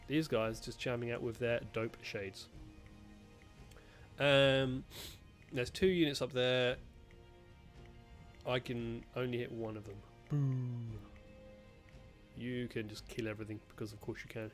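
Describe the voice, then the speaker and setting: A man, a gaming streamer, chatting playfully and sarcastically while he plays a strategy game. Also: mid-range voice. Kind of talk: let's-play commentary. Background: faint game music.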